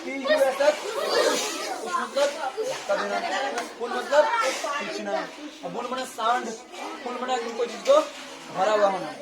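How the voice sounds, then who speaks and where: A woman's voice: fairly high pitch, lively intonation, unhurried, a loud crowd, very noisy. A woman teaching a class on English pronunciation. She spells words out letter by letter and keeps asking her students whether they follow. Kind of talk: classroom lesson.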